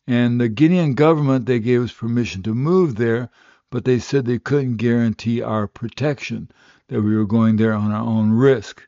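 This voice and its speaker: An older man preaching a radio sermon and telling his own testimony, in an earnest, steady storytelling manner. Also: mid-range voice, moderate pace, dry recording. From West Africa. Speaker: radio pastor. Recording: slightly dull, dry radio recording.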